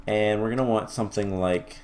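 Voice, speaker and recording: Low-voiced man narrating gameplay, thinking aloud. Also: fairly even intonation, fairly quick, darkish tone, a little hiss or hum. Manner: thinks aloud with many fillers and restarts; mildly wry, self-correcting. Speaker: let's-play host. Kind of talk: casual gameplay commentary.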